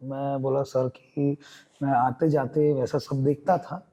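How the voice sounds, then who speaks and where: A man's voice: medium pitch, flat delivery, slow pace, mellow, lo-fi sound. A young man from Chhattisgarh with a Chhattisgarhi Hindi accent, a theatre artist telling his story in a podcast interview and acting out the voices of the people in it.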